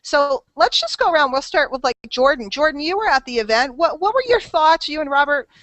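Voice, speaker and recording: A woman's voice: high-pitched, lively intonation, a little fast, a bit bright, dry recording, low-quality recording. A woman hosting a casual group call, chatty, teasing and persuasive. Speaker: host of a marketing call.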